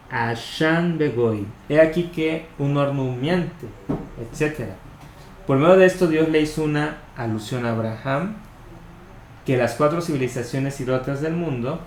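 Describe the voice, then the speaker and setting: Man, mid pitch, measured explanatory reader of a study text, roomy echo. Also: darkish tone. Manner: measured, explanatory, spells out Hebrew terms. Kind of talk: reading a commentary aloud. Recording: echoey room with faint noise.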